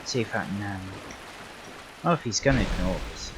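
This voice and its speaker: A man's voice: lowish voice, normal speed, background noise. Laid-back young man rambling over gameplay. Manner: relaxed, rambling, self-correcting with many fillers. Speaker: livestreaming gamer. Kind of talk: casual gameplay commentary.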